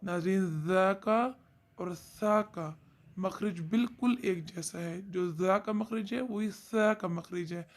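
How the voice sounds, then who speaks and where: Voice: medium pitch, takes it slowly. A Quran recitation teacher giving a tajweed lesson, explaining where each letter is sounded and drawing out demonstrations of the letters. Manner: addresses viewers directly and often.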